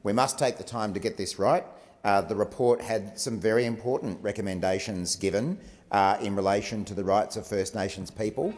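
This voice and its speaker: A man with an Australian accent giving a formal parliamentary answer in a measured, carefully worded, somewhat hesitant way. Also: fairly low pitch, a little mellow. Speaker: government minister. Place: large parliamentary chamber. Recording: echoey chamber with long reverb.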